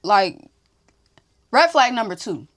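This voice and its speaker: A woman's voice: on the high side, slow. Young woman telling a slangy storytime. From Houston, Texas. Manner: animated, slangy, profane, laughs often. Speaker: podcast host. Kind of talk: casual storytime.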